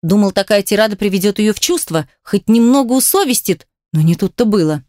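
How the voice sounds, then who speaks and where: A woman narrating an audiobook with a dramatic, expressive reading. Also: medium pitch, a little fast, no echo, clean studio sound.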